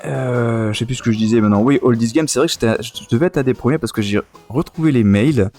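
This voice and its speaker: With faint music playing behind him, this thirtysomething host of a podcast and web radio show fondly recalls retro gaming in a relaxed chat, eager and prone to repeating himself. His mid-range voice is fast with a somewhat dark tone.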